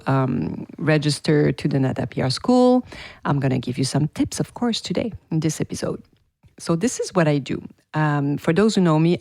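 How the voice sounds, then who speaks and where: With a low, somewhat dark voice captured at studio quality and free of echo, this PR teacher talks to her podcast audience in a lively, chatty manner. She hosts the show solo and speaks with a French accent.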